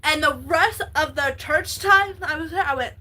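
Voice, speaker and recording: A woman with a high, bright voice chats on a livestream. Her stories tumble out in an excitable, rambling rush, full of restarts and asides. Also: normal speed, rough recording. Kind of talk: casual livestream chat.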